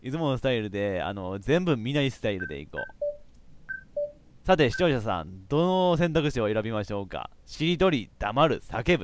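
A man with a commentating a live game stream, animated, often laughing and shouting. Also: mid-range voice. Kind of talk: live let's play commentary.

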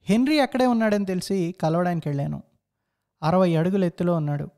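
A man's voice: sits high, quick pace, mellow. A man narrating a first-person story in a reflective, introspective way.

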